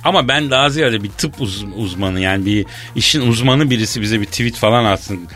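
A man hosting a radio comedy show, bantering loudly and staging a mock phone call in a teasing, mock-indignant way. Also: on the low side, fairly quick, faint music behind.

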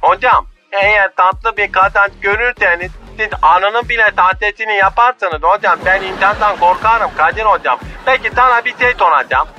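A man's voice: high voice, moderate pace, hardly any pauses, sharp tone, soft background music. A man playing a cheeky, lovestruck male bee who phones in to a radio comedy show, talking in a chummy, pleading way. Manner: chummy, pleading, calls the host "hocam". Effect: over a phone line. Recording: dull phone line.

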